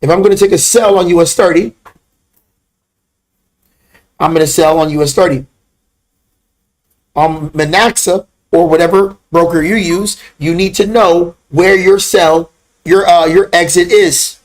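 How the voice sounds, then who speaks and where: A man with a fairly high voice leads a live-streamed trading lesson. He talks bluntly and scolds his viewers by name. When he wants a point to land, he slows down and leans hard on each word. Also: fairly even intonation. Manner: blunt, scolding, calls out chat names. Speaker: trading class host.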